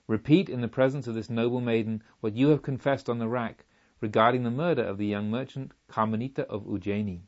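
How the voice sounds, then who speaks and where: A man's voice: medium pitch, steady tone, fairly quick, highs cut off, close to an everyday voice. A man voicing a cold nobleman who gives commands to a prisoner. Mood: commanding.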